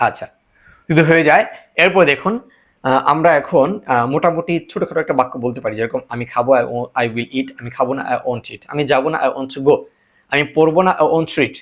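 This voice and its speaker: A man teaching a spoken English lesson, a Bengali speaker who repeats example sentences slowly and translates each one. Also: mid-range voice.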